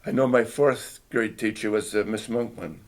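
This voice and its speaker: Recalling his childhood for an oral history interview, a Canadian man of advanced age who grew up speaking Finnish talks at a normal speed in a fairly low voice. He sounds hesitant and reflective, with frequent restarts and throat clearing.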